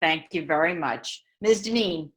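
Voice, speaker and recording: A woman's voice: low voice, a little slow, background noise. A woman mayor chairing a council meeting over a video call, briefly thanking and calling on speakers.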